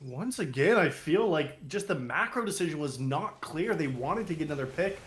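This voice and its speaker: A man's voice: on the high side, lively intonation, normal speed, a bit bright, reverberant. A man giving analytical esports color commentary, critiquing team decisions. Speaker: esports caster.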